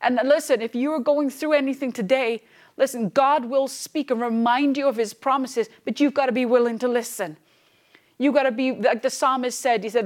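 A woman in her thirties, a pastor preaching a fervent, emphatic sermon and repeating phrases for stress. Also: fairly high pitch. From Wales.

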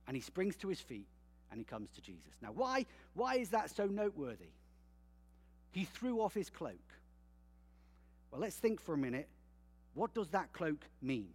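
Preacher, male, higher voice, lively conversational sermon, long hall reverb. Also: husky. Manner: conversational, animated, frequent "okay?" check-ins.

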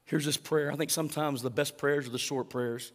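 A man's voice: fairly high pitch, steady tone, a little fast, long reverb tail. A male pastor preaching a sermon, reading scripture aloud with dramatic emphasis and asking the congregation for responses.

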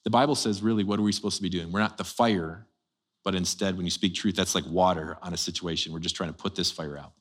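Low-voiced pastor preaching a casual sermon. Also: male voice, fast talker. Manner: casual, asks the congregation many rhetorical questions; animated, jumps up in pitch and volume for emphasis. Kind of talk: conversational sermon.

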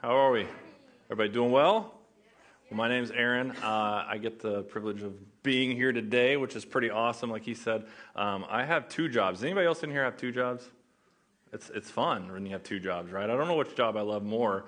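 Speaking a little fast in a fairly bright, mid-range voice, a young man from Oklahoma gives a sermon as a guest pastor. His Oklahoma accent carries a casual, joking style as he chats with the audience.

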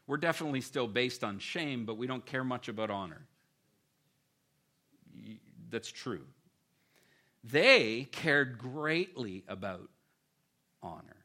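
A man preaching a sermon as pastor, with animated emphasis that keeps dropping to quiet, earnest stretches. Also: mid-range voice, slow pace, pauses often.

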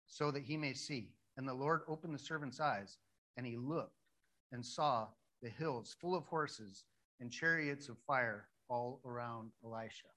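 Bright-voiced animated male preacher. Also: mid-range voice, low-quality recording. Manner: animated, acts out the story characters in quick asides. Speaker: pastor. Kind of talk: sermon with Bible story reading.

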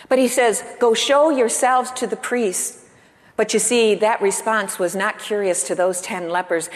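A woman preaching a sermon to her church, putting questions to the congregation and pausing for emphasis. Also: mid-range voice, in a large hall. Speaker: pastor.

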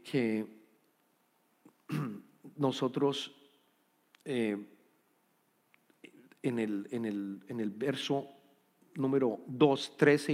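A man's voice: medium pitch, a little mellow. A man preaching an earnest Bible-study sermon, repeating key phrases and restarting words as he explains. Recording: long hall reverb.

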